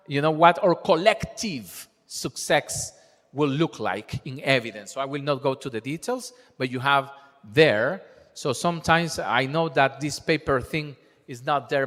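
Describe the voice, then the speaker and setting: A man's voice: a little high, fairly bright tone. A man giving a passionate, rallying speech at a launch event, asking the crowd questions. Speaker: program presenter at a launch event. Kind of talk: speech to a live audience. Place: large conference hall. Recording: long reverb of an event hall.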